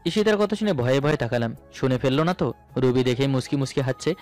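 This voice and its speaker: Speaking quickly in a mid-range voice with a darkish tone, a man narrates a first-person romantic story from a script. He is a romantic audio story narrator, recorded over background music.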